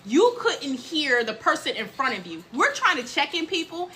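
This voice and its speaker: A woman's voice: high-pitched, sing-song, normal speed, bright, forceful tone. A woman in hotel work, casually telling a dramatic story with quoted dialogue. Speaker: hotel front desk worker.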